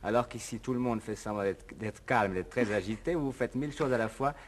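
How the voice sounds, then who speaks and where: A man's voice: lowish voice, fairly quick. A man presenting and interviewing in a wry, teasing, polished broadcast manner. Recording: 1950s broadcast recording with clear hiss.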